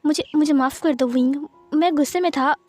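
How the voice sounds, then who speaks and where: A woman's voice: sits high, brisk, darkish tone, no echo, soft background music, lightly acted. A woman voicing a remorseful young man who pleads with repeated apologies, in fan fiction audio storytelling. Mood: pleading.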